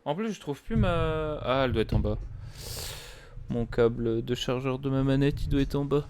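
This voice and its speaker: A man's voice: medium pitch, moderate pace, darkish tone, slight background noise. A young man giving casual, slangy, sweary, grumbling commentary while playing a video game. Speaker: gaming video host. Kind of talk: casual let's play commentary. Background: game music.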